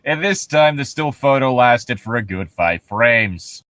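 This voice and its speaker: This man co-hosts a casual comedy show, riffing sardonically and swearing as he reads horror stories aloud. He speaks a little slowly, his lively pitch swinging around as he grows exasperated. The recording is dry, with very little room sound and no echo.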